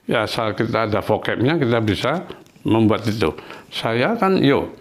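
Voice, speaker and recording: A man teaching a language lesson, patiently explaining and repeating words and verb forms slowly. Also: lowish voice, expressive.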